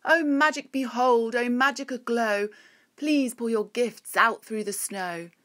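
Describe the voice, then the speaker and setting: A woman's voice: fairly high pitch, measured pace, a bit bright, dry recording, clean studio sound, voice pushed up. A woman voicing a regal, cheerful winged winter queen in a storybook, grand, theatrical and inviting. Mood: jubilant.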